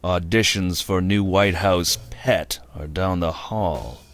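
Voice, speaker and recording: An actor playing a surly, sarcastic bodyguard with a mobster past in a comic cartoon game, curt and threatening. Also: male voice, low-pitched, slow, a bit bright, exaggerated voice. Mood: surly sarcasm. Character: surly, sarcastic male tough-guy bodyguard and former mobster. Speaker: presidential bodyguard character.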